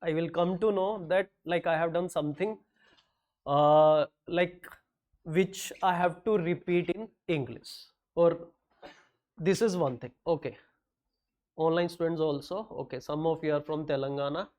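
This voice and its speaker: His voice a little high and slightly mellow, a middle-aged lecturer from North India, Hindi being his first language, teaches in a North Indian accent, sprinkling joking remarks and rapid Hindi asides through his English.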